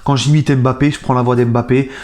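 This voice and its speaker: A man's voice: medium pitch, flat delivery, brisk, darkish tone. A man in his thirties hosting a football fan video, talking casually in a subdued, grieving way that turns into indignant ranting. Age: 30s. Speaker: football fan channel host. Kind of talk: casual vlog monologue.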